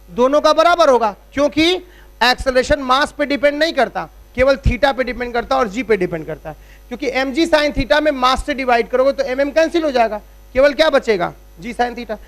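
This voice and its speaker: A man's voice: extremely high pitch, lively intonation, normal speed, fairly bright tone. A man teaching physics as a classroom lecture at a board, explaining step by step and checking in with rhetorical questions. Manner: uses everyday analogies.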